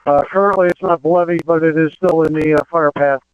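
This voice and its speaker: High-voiced man, urgent firefighter radio. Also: fairly even intonation, fairly quick, smooth, no echo. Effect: two-way radio transmission. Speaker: firefighter reporting to command. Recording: dull lo-fi two-way radio.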